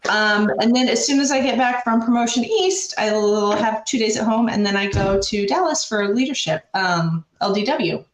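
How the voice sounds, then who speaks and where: A middle-aged woman with a hoarse, smoker-like rasp, chatting casually and candidly in a rambling, mildly salty way as a show host. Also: a little high, animated, moderate pace, few pauses. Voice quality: raspy like a chain smoker. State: hoarse from bronchitis. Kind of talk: casual chat. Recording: roomy, echoey sound.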